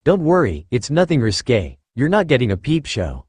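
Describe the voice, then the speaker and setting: A man's voice: mid-range voice, wildly swooping pitch, moderate pace, a little mellow, breathy edge, no room sound. A man reading the lines of a brash, sarcastic female inventor in a fan-fiction story, in a clipped manner. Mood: sardonic.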